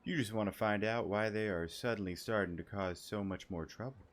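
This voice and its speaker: Over game music, a man with a lowish voice talks a little fast, giving casual, slangy, rambling commentary on a video game and reading the dialogue options out loud. He's a gaming streamer.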